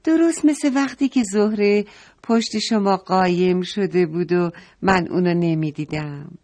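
A woman voicing a curious, excited young girl in a children's story. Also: on the low side. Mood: excited wonder. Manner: eager, exclaiming.

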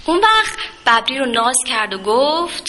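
A woman narrating a children's story in a gentle, lilting storytelling way. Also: high voice, big pitch swings, a little hiss or hum.

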